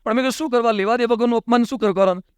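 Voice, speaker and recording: A man's voice: very high-pitched, very fast, clear, resonant tone, no room sound, clean studio sound. A man, a monk giving a sermon, telling anecdotes in a conversational way and acting out the dialogue. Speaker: monk giving a religious discourse. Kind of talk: storytelling sermon.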